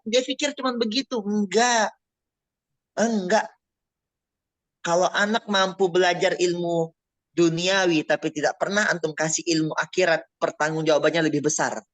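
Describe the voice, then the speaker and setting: Guy preaching at a mosque study night, high-ish voice, keeps quizzing the audience. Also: moderate pace, rough recording. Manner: animated, asks the audience rhetorical questions; calls on listeners by name. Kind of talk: Islamic study sermon on parenting.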